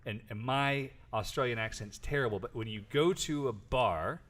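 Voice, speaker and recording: Male podcast host: bright, crisp tone, playful banter with frequent laughs. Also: medium pitch, normal speed. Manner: laughs often, playful, rambling. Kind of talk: casual chat. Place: lives in Florida.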